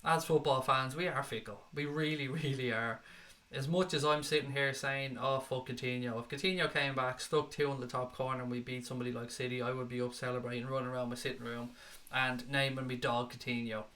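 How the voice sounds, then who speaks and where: A man's voice: medium pitch, steady tone, brisk, fairly bright tone. An Irish man hosting a casual livestream, reading viewer comments aloud and answering them bluntly, swearing freely. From Ireland. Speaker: livestream host reading chat. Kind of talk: casual chat.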